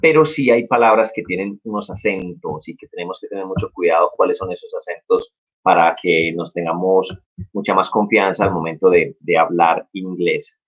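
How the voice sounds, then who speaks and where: A man's voice: low-pitched, normal speed, slightly rough. A young man teaching English in a casual live stream, upbeat and encouraging as he explains step by step. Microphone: live-stream mic. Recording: dull lo-fi stream audio.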